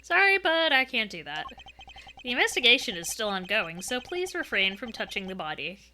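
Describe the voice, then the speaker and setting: A woman plays a composed, formal male prosecutor from a video game. She drops her voice a bit and keeps it even and measured, all poise and control. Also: on the high side, a little hiss or hum.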